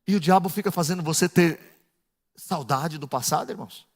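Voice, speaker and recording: A middle-aged male pastor preaching a sermon, dropping to low asides and building to shouted, half-sung climaxes. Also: a little fast, slightly rough. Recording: echoey church hall.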